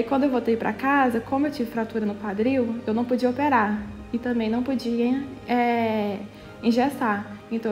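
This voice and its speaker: A young adult woman from Brazil telling her personal testimony in an earnest storytelling manner, often slowing down, with frequent fillers. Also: on the high side. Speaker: church member sharing testimony.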